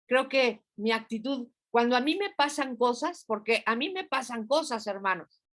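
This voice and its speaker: A woman's voice: on the high side, expressive, moderate pace, fairly bright tone. An older woman pastor, preaching in a conversational way and acting out prayers and dialogue. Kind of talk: informal sermon.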